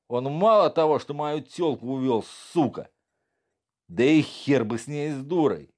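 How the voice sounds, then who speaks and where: A man's voice: a little high, darkish tone, voice pushed up. A man voicing a drunk, vengeful young male thug who swears crudely and threatens. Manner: crude, menacing, slurred swearing.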